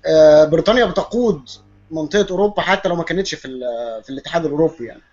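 A man with an Egyptian Arabic accent speaking as a guest in an online panel discussion over an internet call. He talks briskly, with a mocking edge. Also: fairly high pitch, a little mellow, faint music behind. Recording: dull lo-fi call audio.

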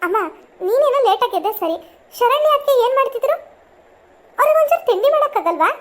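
Woman playing a hurried cartoon college girl, very high voice, demanding. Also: animated. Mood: impatient. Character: impatient college-going girl.

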